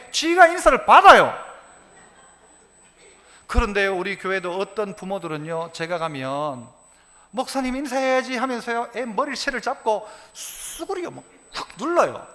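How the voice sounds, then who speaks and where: A man preaching a sermon as pastor in a church, animated and acting out quoted dialogue. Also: very high voice. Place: church sanctuary. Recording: reverberant church sanctuary.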